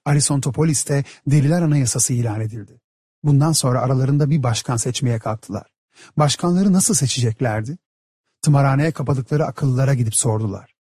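A man narrating a satirical story as an audiobook, in a steady, measured storytelling manner. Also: mid-range voice, husky, no room sound, studio quality.

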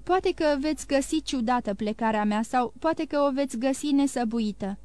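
A woman's voice: high-pitched, a little mellow, dry recording, natural voice. A woman voicing a distraught young nobleman. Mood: bitter. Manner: urgent, pleading.

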